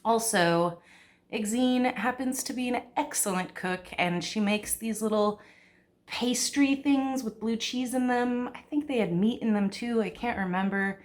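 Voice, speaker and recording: A woman's voice: a little high, a little slow. A woman vlogging from her home in a casual, chatty way, rambling with lots of "like"s. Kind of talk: casual chat to camera.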